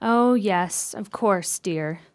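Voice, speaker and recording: Speaking extremely slowly at a medium pitch, a woman portrays a composed married sister in an old-fashioned gothic radio drama. Her diction is formal and genteel, and she comes across as anxious and probing.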